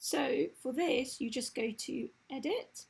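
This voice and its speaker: A woman's voice: sits high, slow, darkish tone, rough recording. A woman losing her voice, explaining step by step in a screen-recorded website tutorial. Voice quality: husky, gravelly.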